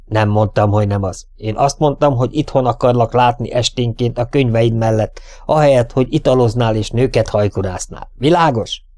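A man's voice: medium pitch, darkish tone, no room sound, close to an everyday voice. A man voicing a hot-tempered older brother, a vet who lectures reproachfully. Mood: scolding.

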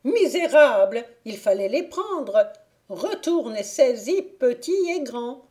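Imperious fairy voiced by a woman, shrill, commanding, shouting, slow storybook delivery. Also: sing-song. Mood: furious. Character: furious imperious female fairy captor.

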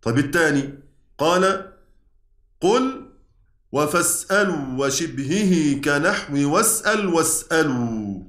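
A man's voice: a little high, a bit bright. A man with an Egyptian Arabic accent teaching a class on Quran orthography, explaining step by step and often checking that his students follow. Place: lecture room at an institute. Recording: roomy hall echo from a distant mic.

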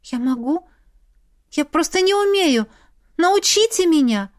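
A woman's voice: expressive, a little slow. Woman voicing a frantic pleading young heroine. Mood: desperate. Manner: shrill, pleading outbursts.

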